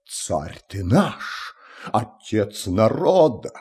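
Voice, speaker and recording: A man's voice: fairly low pitch, big pitch swings, extremely slow, darkish tone, breathy edge, heavily acted. A man voicing a tsar's army commander in a fairy tale, speaking urgently. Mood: alarmed.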